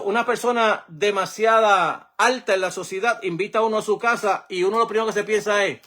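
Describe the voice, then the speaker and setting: Man, pastor, sermon, high voice, conversational, repeats himself, middle-aged. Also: a bit bright. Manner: conversational preaching, frequent repetitions.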